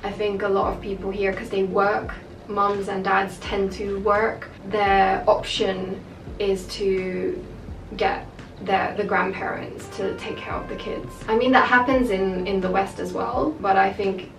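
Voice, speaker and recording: This is a casual to-camera chat from a young woman vlogger, half Japanese and raised in the UK, full of filler words. Her mid-range voice barely moves in pitch and runs a little slow, with faint music in the background. A distant camera mic picks her up in a noisy, echoey room.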